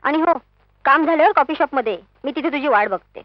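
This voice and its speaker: A brisk older sister who teases her younger sibling. Her voice is very high and animated. The audio is dull, with faint film music behind it. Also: no room sound. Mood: brisk teasing. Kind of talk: film acting.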